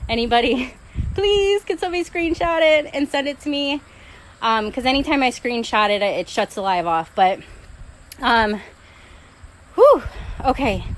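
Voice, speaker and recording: A woman's voice: medium pitch, fairly bright tone, rough recording. A young woman hosting a casual live craft demonstration outdoors, chatting in a rambling way full of fillers, into a phone. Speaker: crafting tutorial host.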